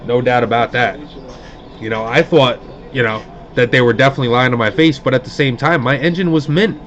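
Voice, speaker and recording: A man's voice: medium pitch, a little fast. A man hosting a card break stream, casually telling a long story and acting out the dialogue with rising indignation. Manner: animated, acts out quoted dialogue; indignant, grumbling. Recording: dull lo-fi stream audio.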